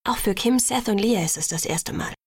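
A woman reading as a hushed young man. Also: moderate pace, slightly rough, dry recording, clean studio sound, close to an everyday voice. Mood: hushed, eager. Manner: hushed, low-voiced. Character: young man, quiet, eager storyteller. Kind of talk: audiobook reading.

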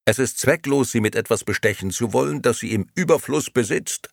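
A man's voice: medium pitch, brisk, gravelly, no echo, studio quality, pitched above the performer's own voice. A man reading aloud, voicing a sober, doubting male debater who objects in a matter-of-fact way. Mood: objecting.

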